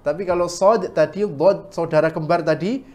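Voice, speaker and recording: A man teaching Quran recitation in a class, demonstrating each sound slowly and correcting mistakes firmly. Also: fairly high pitch, a little mellow.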